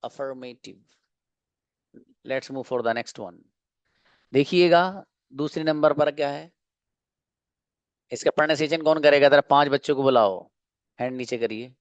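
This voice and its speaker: A man's voice: medium pitch, no echo, lo-fi sound. Man teaching english online, dry sound. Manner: explains slowly, asks and answers own questions. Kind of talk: online class lecture.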